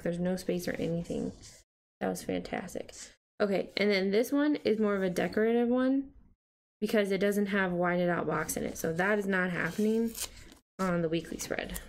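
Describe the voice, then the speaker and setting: A woman's voice: lowish voice, vocal fry, a little hiss or hum. A young adult woman chatting casually and rambling with many fillers while she decorates her planner. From United States. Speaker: planner vlogger. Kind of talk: casual plan-with-me chat.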